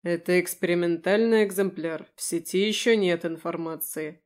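A calm, curt werewolf man with a dry wit, read by a woman in an audiobook. He answers flatly, in clipped, unbothered phrases. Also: on the low side, normal speed, natural voice. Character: calm dry-witted male werewolf in human form. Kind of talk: audiobook character voice.

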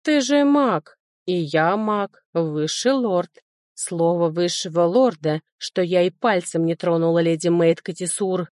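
A woman voicing a sly male high lord and mage who answers in a mocking, evasive way. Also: a little slow, darkish tone, dry recording, studio quality, natural voice. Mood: defensive.

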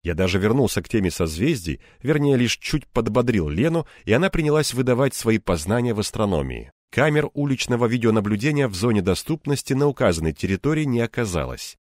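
A man's voice: medium pitch, sing-song, fairly quick, few pauses, darkish tone, no echo, clean studio sound. A man reading a first-person audiobook narration with wry, ironic asides.

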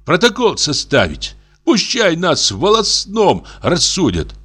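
A man voicing a quarrelsome young peasant who shouts in a high, screeching voice. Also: huge pitch swings, a little slow, husky, heavily acted. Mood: grumbling. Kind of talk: audiobook character voice.

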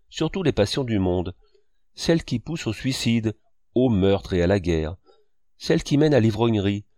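A man narrating a French novel in a measured literary reading. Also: fairly low pitch, a little mellow, no echo, studio quality.

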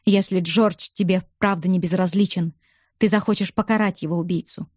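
A woman reading the part of an angry young man who presses and accuses, in a dark, mellow voice. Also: on the low side, steady tone, normal speed, no echo, studio quality, natural voice. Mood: angry pressing.

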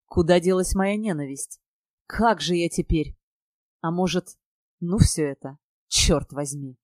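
A woman voicing a shy, troubled young male student who speaks softly and hesitantly. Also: lowish voice, measured pace, no room sound, close to an everyday voice. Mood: inward. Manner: hesitant, inward, soft-spoken.

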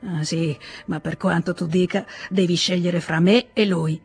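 A reader voicing a drunk, frightened, volatile grown man in an Italian audiobook reading, with excited pleading outbursts. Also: medium pitch, unhurried, slightly rough, soft background music. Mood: wistful.

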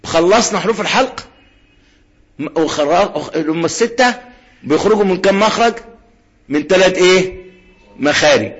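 Egyptian sheikh, tajweed teacher, husky and slightly high, dull lo-fi recording, call-and-repeat drills. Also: male voice, lively intonation. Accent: Egyptian Arabic. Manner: drills students, slowly sounding out letters. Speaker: Quran recitation teacher.

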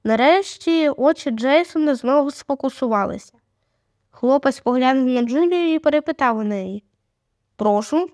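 High-voiced woman reading a story. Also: moderate pace, no room sound, clean studio sound. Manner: steady storytelling. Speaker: audiobook narrator. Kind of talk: scripted narration.

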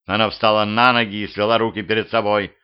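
A man narrating a first-person audiobook at an even storytelling pace. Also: fairly low pitch, fast, clean tone. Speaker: audiobook reader. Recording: dull lo-fi home recording.

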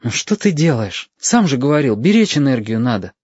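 A man's voice: medium pitch, sing-song, a little fast, darkish tone, slightly rough, dry recording. A man reading an audiobook voices an anxious, eager young boy with pleading, breathless questions. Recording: dull, dry lo-fi audio.

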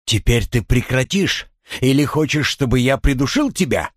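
Guy reading an audiobook doing a raging bossy husband, yelling orders, pitch jumping all over, dry close sound. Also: big pitch swings, unhurried, slightly rough, no room sound. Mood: angry. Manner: shouting harsh orders and insults. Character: furious wealthy husband, forceful, commanding man.

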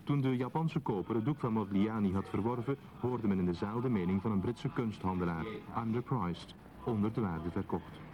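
Here the radio drama narrator speaks in a lowish, natural voice at a brisk pace, formal and reportorial in a scripted documentary manner. The recording has its highs cut off, and a crowd murmurs in the background.

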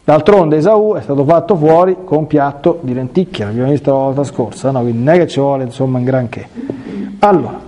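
A man who is a priest giving a catechesis sermon, reading scripture aloud and breaking off into lively, colloquial asides. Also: mid-range voice.

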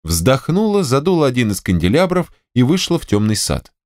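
A man narrating a story as an audiobook, with expressive storytelling. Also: mid-range voice, a little fast, no echo, studio quality.

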